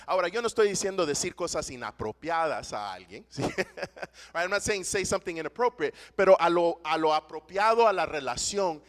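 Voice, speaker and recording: Animated bilingual preacher in a hall. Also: male voice, a little high. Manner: animated, rises loud then drops soft, frequent "right?". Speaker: pastor. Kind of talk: bilingual sermon, preaching then repeating in English. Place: church sanctuary. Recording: long church hall reverb.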